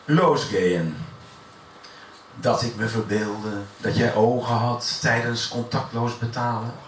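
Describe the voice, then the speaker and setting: A man recites his own poetry in a café, pacing each line with measured, deliberate pauses. His voice sits mid-range and comes from well back in an echoey room. A steady hiss of noise runs under it. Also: medium pitch. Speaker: poet. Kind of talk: poetry reading at a live event. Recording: echoey room from far off, noisy.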